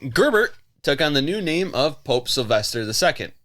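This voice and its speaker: A man's voice: fairly high pitch, big pitch swings, moderate pace, fairly bright tone. A man co-hosting a casual podcast, telling a history story with lots of jokes and giggles. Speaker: podcast co-host. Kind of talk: casual chat.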